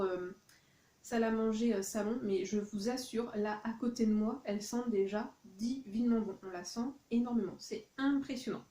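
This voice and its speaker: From her home office, a woman with a mid-range voice and dark tone chats through a shopping haul, filling her speech with hesitant fillers. The casual vlog has a roomy sound.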